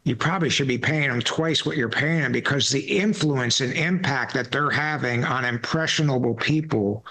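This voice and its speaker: Hosting a podcast, a man in his sixties chats through a casual interview, his stories rambling, folksy, and full of repeated words. His medium-pitched voice has a sharp tone, moving at normal speed with few pauses.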